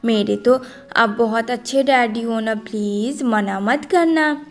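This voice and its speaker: A woman's voice: on the high side, slow, soft background music. A woman voicing an eager, pleading little boy in a retold movie story.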